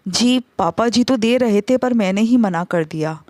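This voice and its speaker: A woman's voice: mid-range voice, animated, unhurried, darkish tone, no echo, lightly acted. A woman voicing a young working daughter-in-law who speaks politely and turns firm. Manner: polite, respectful address.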